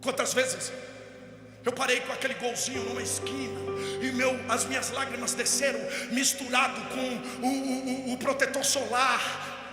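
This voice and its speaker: A man with a strikingly high voice preaches to a crowd, telling his story with animated energy and building to shouted exhortation. His voice rings through a big reverberant hall, with music playing underneath. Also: normal speed. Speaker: pastor. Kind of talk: impassioned sermon storytelling. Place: large hall at a youth event. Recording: echoey hall with music behind.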